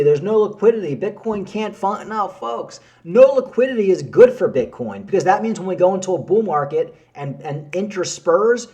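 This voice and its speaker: A man doing casual market commentary to camera, animated and repetitive, calling his viewers folks. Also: a little high. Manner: animated, repeats himself, addresses viewers as folks. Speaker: crypto YouTuber.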